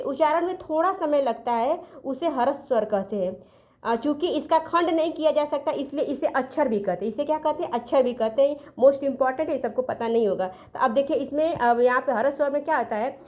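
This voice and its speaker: A woman with a high, light voice teaches an exam-prep grammar class. She explains step by step, poses questions and answers them herself, and slows down to spell out letters one by one. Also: darkish tone. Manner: self-corrects, counts letters aloud slowly.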